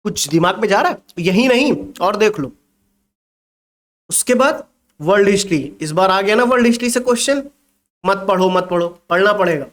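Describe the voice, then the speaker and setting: Emphatic high-voiced male exam coach. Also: animated, normal speed. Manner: emphatic, lecturing, rhetorical questions to students. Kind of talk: motivational exam-prep lecture.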